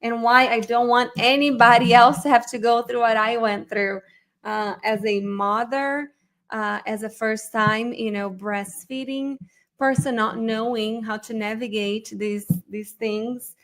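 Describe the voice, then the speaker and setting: A woman's voice: on the high side, fairly even intonation, measured pace, a bit bright, reverberant. A woman raised in Brazil, hosting a live online session as a therapist, chatty and upbeat while she sets up her screen. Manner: chatty and upbeat, thinking aloud while fixing screen sharing. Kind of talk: casual live-stream presentation.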